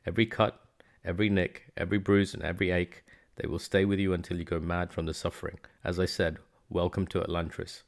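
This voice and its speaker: A man's voice: low voice, flat delivery, fairly quick. A man voicing a blunt foreign male exile with a dry, sardonic manner. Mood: wry.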